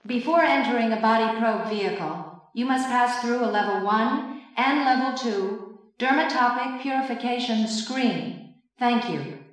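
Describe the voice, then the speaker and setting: An actress playing a calm female facility announcer, making formal, measured announcements over a PA system. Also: on the high side. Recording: echoey loudspeaker from far off.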